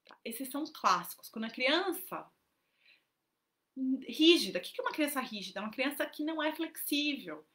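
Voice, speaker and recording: Woman hosting a parenting live, bright sharp voice, casual chatty storytelling, lots of fillers. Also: high voice, sing-song, normal speed. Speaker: parenting educator, mother of young daughters.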